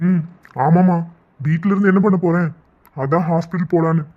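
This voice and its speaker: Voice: medium pitch, fairly even intonation, fairly quick, lightly acted. An actor voicing a stubborn young adult son in a cartoon, firm and exasperated with his mother. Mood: stubborn refusing. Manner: firm, exasperated, then panicked. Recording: tinny phone-like audio.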